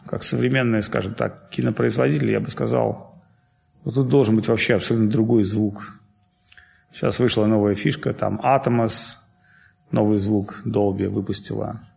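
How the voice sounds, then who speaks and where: A man's voice: lowish voice, gravelly, a little mellow. A man giving an informal spiritual lecture, talking loosely and digressively with many fillers and self-corrections.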